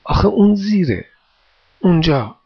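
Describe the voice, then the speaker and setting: A man's voice: sits high, sing-song, slightly rough, no room sound, pitched above the performer's own voice, heavily acted. A man doing a small, earnest, weary boy. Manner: earnest, pleading childlike delivery. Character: small war-orphaned boy, worn out, watchful. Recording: dull dry recording.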